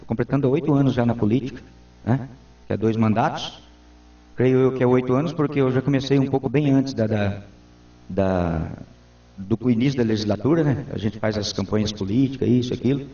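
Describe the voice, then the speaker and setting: A man in his forties answers interview questions in an earnest, formal way as a town councilman. His voice is dark and mellow, and it comes from a distance in a roomy space. The sound is dull and lo-fi. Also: mid-range voice. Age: 40s.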